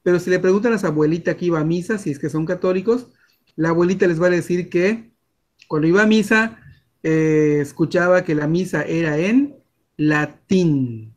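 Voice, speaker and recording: A man's voice: high voice, moderate pace. A Mexican man teaching a class over a video call, chatty and full of fillers and restarts. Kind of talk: online class lecture.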